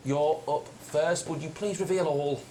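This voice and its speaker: A man's voice: on the high side, fairly even intonation, a little slow. A man hosting a comedy panel show, presenting scripted jokes and introductions. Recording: loud noise behind the voice.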